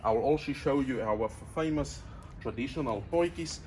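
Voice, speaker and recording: A middle-aged South African cooking vlogger with an Afrikaans accent chats outdoors while demonstrating a braai, calling his viewers friends. His voice is mid-range and darkish, at a moderate pace, with slight background noise.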